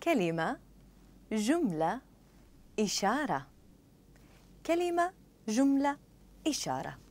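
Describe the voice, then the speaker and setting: A woman models short phrases for a language course and repeats each one with careful, deliberate delivery. Her voice is slightly high and lively in melody. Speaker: model speaker for phrase repetition. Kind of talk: scripted phrase drills.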